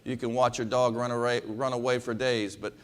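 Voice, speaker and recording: A man's voice: mid-range voice, level tone, brisk, background noise. A man from western Kansas, a basketball coach, giving a folksy storytelling speech with lots of fillers and repeated words. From western Kansas, USA.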